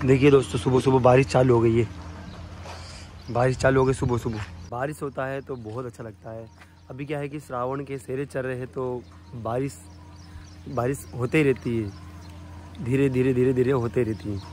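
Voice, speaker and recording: A man's voice: mid-range voice, steady tone, moderate pace, darkish tone, a little hiss or hum. Upbeat man giving a home tour vlog. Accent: Indian Hindi. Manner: chatty and upbeat, addresses friends. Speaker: vlogger. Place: outdoors and around a family house. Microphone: handheld phone camera.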